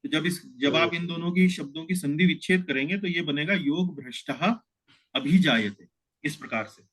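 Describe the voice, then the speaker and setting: A man leads an online verse class, explaining step by step with patient care. His voice sits somewhat high for a man, and he counts syllables out one by one as he teaches. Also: brisk, a bit bright, rough recording. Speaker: teacher of Gita verse memorization. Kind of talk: online class over video call.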